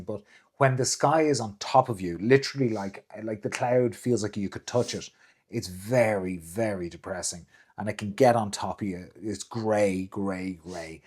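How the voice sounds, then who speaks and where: Irish guy co-hosting a relaxed chat, lively anecdotes with put-on voices. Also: lowish voice, husky. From Ireland. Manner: animated storyteller, mimics others' voices. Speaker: co-host. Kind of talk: casual chat.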